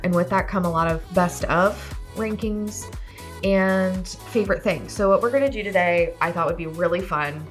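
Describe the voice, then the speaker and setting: Hoarse, low-voiced woman podcast host. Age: 30s. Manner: chatty, upbeat, self-deprecating. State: hoarse from a cold. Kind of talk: casual solo podcast chat.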